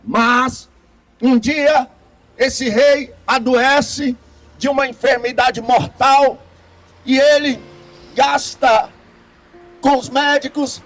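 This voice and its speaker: High-voiced man telling a slow parable. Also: fairly even intonation, fairly bright tone. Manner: slow, dramatic phrasing with deliberate pauses. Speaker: storyteller. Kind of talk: storytelling a parable.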